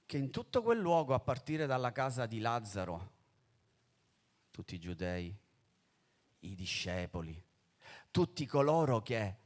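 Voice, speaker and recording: A man preaching a sermon in a dramatic way, swinging between loud, urgent phrases and hushed ones. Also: on the low side.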